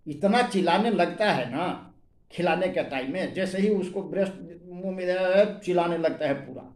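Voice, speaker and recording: A man's voice: high-pitched, normal speed, a little mellow, echoey room. A man, a homeopathy doctor, teaching a medical lesson and reading out repertory rubrics word by word with stress.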